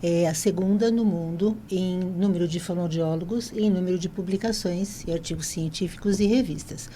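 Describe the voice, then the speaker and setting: Mellow-voiced Brazilian woman expert. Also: lowish voice, normal speed, slight background noise. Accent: Brazilian Portuguese. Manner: friendly, explanatory, laughs easily. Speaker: guest speech therapist. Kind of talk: casual podcast interview.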